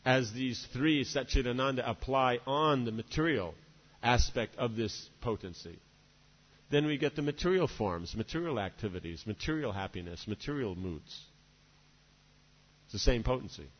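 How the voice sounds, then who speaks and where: A spiritual teacher delivers a rambling devotional lecture in an animated, mid-range voice at a moderate pace. He keeps checking in with "right?" and "you know" between points, and the hall recording sounds dull and reverberant.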